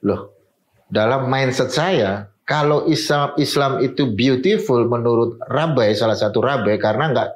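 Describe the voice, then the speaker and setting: A man's voice: medium pitch, a little slow, roomy sound, rough recording. A man speaking as a guest in an interview, explaining at length and mixing in Hebrew and English terms.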